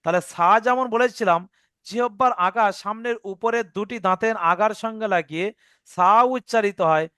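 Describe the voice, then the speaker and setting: Man, teacher, high voice, dry close sound, patient, repeats and sounds out letters. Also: sharp tone, clean tone, no room sound. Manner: patient, repeats points, checks understanding; demonstrates sounds aloud. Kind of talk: Arabic letter pronunciation lesson.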